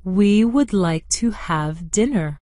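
A woman announcing each lesson phrase in a deliberate, scripted narration. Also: mid-range voice, expressive, mellow, no echo, studio quality.

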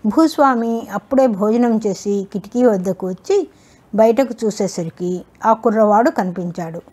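A woman narrating a folk tale in a steady, measured storytelling manner. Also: mid-range voice, slightly rough.

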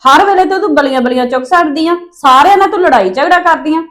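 A woman's voice: sits high, lively intonation, quick pace, a bit bright. A woman with a Punjabi accent acting a sister-in-law who argues defensively in a family drama. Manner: defensive, arguing.

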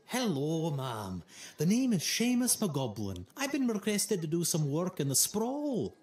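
A man's voice: unhurried, roomy sound. An actor playing a proud, touchy male painter with a lilting Scottish accent and a genial manner. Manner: lilting, genial, lively swings in pitch.

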